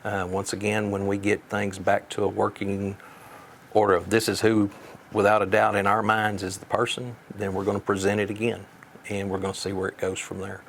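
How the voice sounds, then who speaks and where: A man speaking as a sheriff in an interview, giving measured answers in a plain-spoken, folksy way. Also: on the low side, completely flat delivery, vocal fry, a little hiss or hum.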